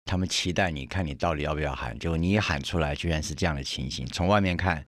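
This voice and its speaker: A male interviewer with a very low voice asks short, attentive questions. The sound is dry and close. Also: fast, fairly bright tone, no echo.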